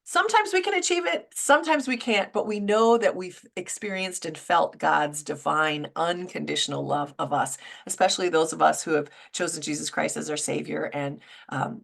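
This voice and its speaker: A woman's voice: medium pitch, gravelly, a bit bright. A middle-aged woman hosting a casual faith and wellness talk show, chatty, with frequent fillers and restarts. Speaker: podcast host.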